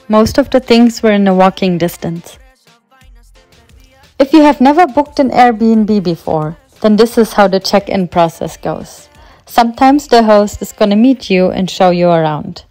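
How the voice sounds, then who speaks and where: A woman narrating a travel vlog in a calm, explanatory scripted voice-over. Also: medium pitch, measured pace, no echo, soft background music.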